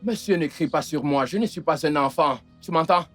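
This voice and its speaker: A woman's voice: sits low, a little fast, faint music behind, close to an everyday voice. A woman dubbing a film into French, playing a defiant young woman who sternly stands up to an older man. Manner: stern, defiant, repeating herself. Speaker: voice actor in a French dub. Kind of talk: dubbed film acting.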